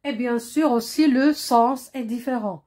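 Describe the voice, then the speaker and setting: Woman, primary teacher, slightly high voice, slow and patient, lots of repetition. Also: a little mellow. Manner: patient, repeats words, checks with "hein?" and "compris?". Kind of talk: slow classroom explanation.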